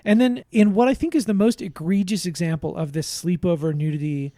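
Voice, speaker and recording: High-voiced, laughing man telling stories. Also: a little fast, no room sound, clean studio sound. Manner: animated storyteller, laughs often, shouts when quoting himself. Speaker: podcast co-host. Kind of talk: casual chat.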